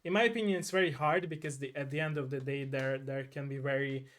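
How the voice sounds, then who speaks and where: A man hosting a casual video interview whose first language is Hungarian, hesitant, repeating words and pushing some phrases out loudly. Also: medium pitch, steady tone, quick pace. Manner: hesitant, repeats words, loud bursts of emphasis. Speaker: host, interviewer.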